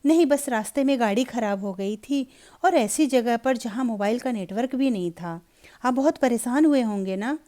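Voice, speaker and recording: A woman's voice: on the high side, animated, normal speed, warm tone, close to an everyday voice. A woman voicing an anxious, insistent young married woman in a Hindi storybook reading. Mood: worried.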